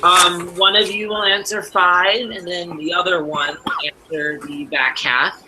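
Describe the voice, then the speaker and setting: A man's voice: sits high, steady tone, unhurried, background noise. A man with a Wisconsin accent hosting a livestreamed game show in a casual, chatty way.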